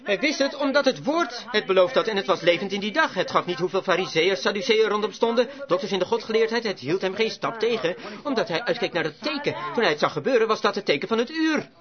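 A man's voice: high voice, expressive, fast talker, crowd noise. A man preaching a sermon with fervent, emphatic exhortations. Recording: dull lo-fi recording with congregation audible.

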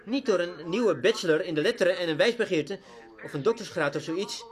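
A man preaching a sermon with fervor, his delivery swinging between loud exclamations and hushed, earnest pleas. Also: high-pitched, fairly quick.

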